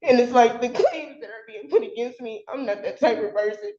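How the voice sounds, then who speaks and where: A woman's voice: a little high, brisk, crowd noise. A young woman, a college student, defending herself in court, upset and defensive, with many "like" fillers. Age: young adult. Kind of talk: emotional courtroom testimony. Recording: echoey, dull courtroom audio.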